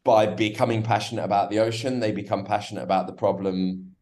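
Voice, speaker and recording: This guest, co-founder of a South African company, speaks fast and flatly in a lowish, darkish voice with a foreign-sounding accent. Over the remote call interview, he keeps hesitating and starting his sentences again.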